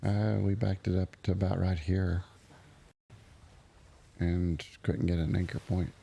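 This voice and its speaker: A man chatting casually as an in-game guide, speaking in a hesitant, halting way. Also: low voice, level tone, gravelly, mellow, breathy edge. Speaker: role-play guide greeting visitors. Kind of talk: casual in-game role-play chat.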